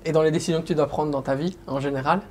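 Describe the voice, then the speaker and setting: A man's voice: on the high side, steady tone, rapid-fire, slight background noise. Male interviewer asking long, rambling questions.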